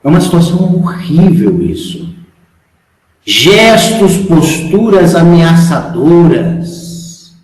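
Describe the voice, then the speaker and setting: A man's voice: fairly high pitch, big pitch swings, slow, a little mellow. A man with a Brazilian Portuguese accent giving a frank, emphatic spiritual lecture, asking his followers rhetorical questions. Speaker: spiritual instructor. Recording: echoey hall, long reverb.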